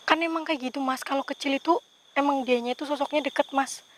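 A woman's voice: high-pitched, fairly even intonation, fast talker, slight background noise. A woman vlogger narrating a night ghost hunt outdoors among trees, talking in a tense, exclamatory way to her companion.

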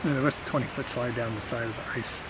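A man's voice: medium pitch, fairly even intonation, fast, fairly bright tone, rough recording. Man recapping a hike outdoors. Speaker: backpacker recapping the day. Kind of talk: casual chat. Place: outdoor campsite on a mountain. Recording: outdoor hiss and stream noise.

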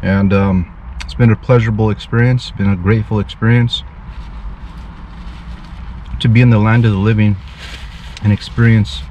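A street preacher in his thirties talks into a dash camera in front of him while sitting in his parked car, in a casual vlog with preaching asides. His darkish, lowish voice barely moves in pitch, slow, earnest, pious and slightly formal. The audio is dull with slight background noise.

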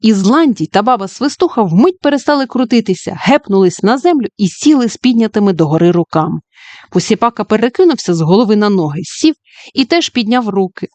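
A woman narrating a children's fairy-tale audiobook in an expressive storytelling way, at times speaking to the young listener. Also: mid-range voice, fairly quick, dry recording.

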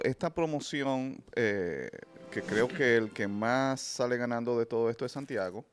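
A man, a panelist giving measured, analytical commentary in gossip talk. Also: fairly low pitch.

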